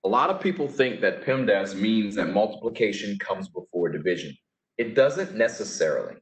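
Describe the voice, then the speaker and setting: Low-voiced man teaching math, echoey room. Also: expressive, moderate pace. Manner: chatty, offhand asides, trails off with "whatever". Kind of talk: casual math lesson explaining steps.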